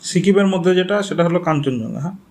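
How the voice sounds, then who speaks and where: A man's voice: a little high, expressive, very fast, darkish tone. A man with a Bengali accent giving a geography lecture for exam students, explaining step by step, spelling names out and checking in with the class. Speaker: teacher.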